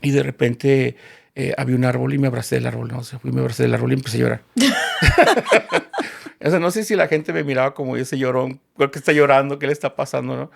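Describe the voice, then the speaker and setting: A man's voice: mid-range voice, animated, fairly quick, vocal fry. A man, a guest in a casual interview, telling a personal story and acting out the dialogue.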